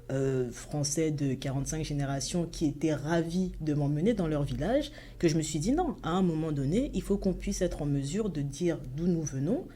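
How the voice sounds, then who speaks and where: A woman's voice: low-pitched, warm tone. A woman author, a guest in a radio studio, explaining her aims in an earnest, impassioned way. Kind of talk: radio interview.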